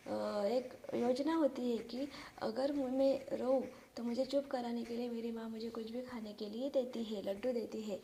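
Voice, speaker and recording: Woman teacher retelling a story, higher voice. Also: creaky, mellow, slight background noise. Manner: retells the story and stops to explain words. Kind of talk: explaining a story lesson to pupils.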